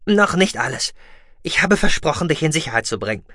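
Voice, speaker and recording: A man's voice: fairly high pitch, big pitch swings, fairly quick, bright, forceful tone, no echo, clean studio sound, voice pushed up. A man voicing a nervous but determined male alien doctor in a science-fiction audiobook, talking earnestly. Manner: nervous, then theatrically earnest.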